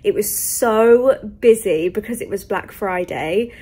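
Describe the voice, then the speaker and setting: A woman's voice: medium pitch, unhurried, mellow, slightly rough. A young woman from the UK chatting casually to camera in a travel vlog, full of ums and likes. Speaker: vlogger.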